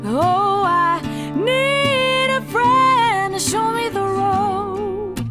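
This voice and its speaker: High woman singing, wobbly tape-warble echoes. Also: extremely slow. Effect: warbly tape-style delay repeats with wow and flutter. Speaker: singer on a demo track. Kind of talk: slow sung pop ballad. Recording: studio vocal over loud guitar backing.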